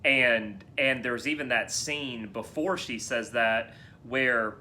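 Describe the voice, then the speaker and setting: A man co-hosting a casual podcast about a film, talking in long, animated runs full of restarts. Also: medium pitch, takes it slowly, a little hiss or hum. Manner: animated, rambling with many restarts. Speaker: podcast co-host. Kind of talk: casual film discussion chat.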